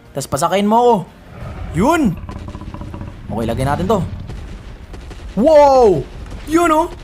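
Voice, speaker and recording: A man giving excited, shouty commentary over his own gameplay, calling out to viewers as he plays. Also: sits high. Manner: hyped, shouty, constantly addressing viewers. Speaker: gaming YouTuber. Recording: game music under voice. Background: background music.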